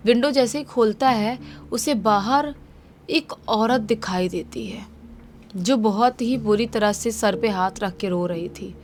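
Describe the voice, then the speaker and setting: A woman's voice: medium pitch, takes it slowly, a little hiss or hum. Woman telling a spooky story casually. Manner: loose, repetitive spoken retelling. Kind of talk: conversational horror story narration.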